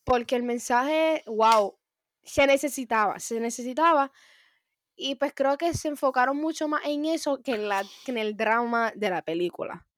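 A woman's voice: on the high side, normal speed, dry recording. A Puerto Rican woman in her twenties in casual, slangy Spanglish chat, switching between Spanish and English and swearing freely. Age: 20s.

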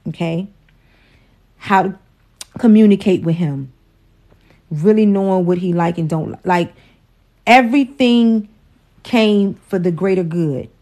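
A woman's voice: on the low side, a little slow, pauses often, mellow. A woman in her forties hosting a casual livestream about relationships, outspoken, profane and preachy as she lectures her viewers. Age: 40s. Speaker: host, wife.

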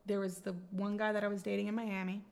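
A young woman co-hosts a casual podcast chat, giving advice in an emphatic way. She leans on "like" a lot, and her voice sits at an ordinary middle pitch. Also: level tone, quick pace, gravelly. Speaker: podcast co-host.

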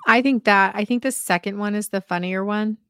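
Relaxed, hesitant woman co-host. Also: mid-range voice, fairly quick, smooth, no echo, clean studio sound. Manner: relaxed, hesitant, many filler words. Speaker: podcast co-host. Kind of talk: casual chat.

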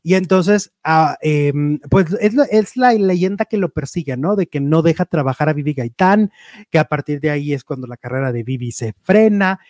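Chatty man, higher voice. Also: normal speed, no echo, clean studio sound. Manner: chatty, animated gossip, playful acted-out quotes. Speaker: show host. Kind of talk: casual entertainment chat.

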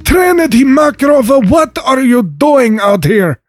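A man's voice: fairly high pitch, very animated, takes it slowly, darkish tone, faint music behind. A man playing a stern, commanding farmer father in his fifties in a tabletop game.

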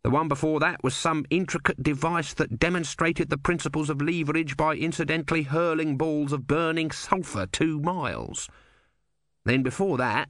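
A man's voice: on the high side, a bit bright, no echo, pitched above the performer's own voice. A man voicing a dry, sardonic male tortoise god who speaks in a knowing way.

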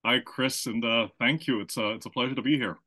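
This medium-pitched male voice is steady, brisk and sharp in tone. The guest, a marketing consultant from Austria who grew up in the Philippines, explains things at length in a conversational interview, frequently restarting and checking in with "right?"

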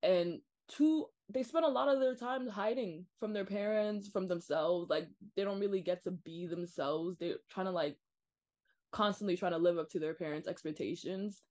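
A young woman from Nigeria speaks as a podcast guest in a slightly low voice. She talks candidly and earnestly, with lots of loose fillers. The tone is casual and conversational. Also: normal speed, darkish tone.

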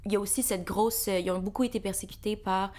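A woman's voice: medium pitch, steady tone, fast talker, a little mellow. A woman in a casual panel chat, making her points emphatically.

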